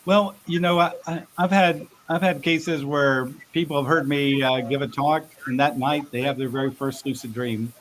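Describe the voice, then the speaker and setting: A man speaking as an interview guest, explaining things casually and haltingly, often repeating his words. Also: mid-range voice, steady tone, fairly bright tone, low-quality recording. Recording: faint background hiss.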